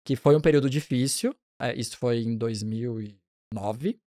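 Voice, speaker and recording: A man in his forties, a pediatric neonatologist, shares how his career unfolded in a relaxed, talkative interview marked by frequent restarts. His mid-range voice keeps a normal speed, captured in a dry, clean studio recording.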